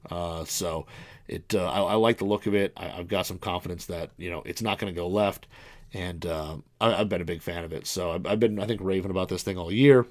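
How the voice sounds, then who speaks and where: This man, in his forties, hosts a podcast and wanders casually through his golf equipment, restarting often and leaning on fillers. He speaks fairly quickly in a low-pitched voice, with no room sound.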